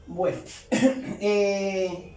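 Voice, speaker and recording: A woman teaching a lesson, explaining step by step and repeating each example slowly and deliberately. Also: medium pitch, flat delivery, mellow. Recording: roomy echo, distant from the mic, faint background hum.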